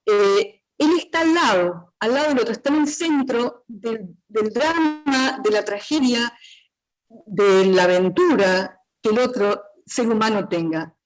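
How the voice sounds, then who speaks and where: A woman with a Rioplatense Spanish accent giving a thoughtful, earnest talk at a book presentation, often pausing on "eh" fillers. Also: fairly high pitch, lively intonation, a little hiss or hum, low-quality recording. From Río de la Plata region. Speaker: prologue writer speaking at a book presentation.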